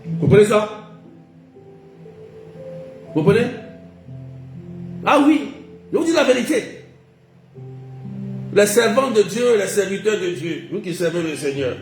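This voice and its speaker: A man with a high voice preaching a sermon, insistent and repetitive, often checking whether his listeners follow him. His words ring in an echoey room with soft music behind. He talks as a pastor to his congregation. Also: measured pace, pauses often. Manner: emphatic, repetitive, asks the congregation questions.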